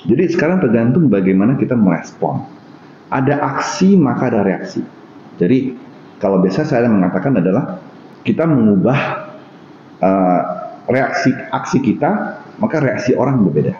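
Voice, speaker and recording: A man with a North Sumatran Indonesian accent, a podcast guest who talks through Buddhist teaching calmly, using everyday examples. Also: medium pitch, normal speed. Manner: explains calmly with everyday examples, acts out angry exchanges. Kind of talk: casual podcast conversation. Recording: roomy, slightly dull podcast recording with faint hiss.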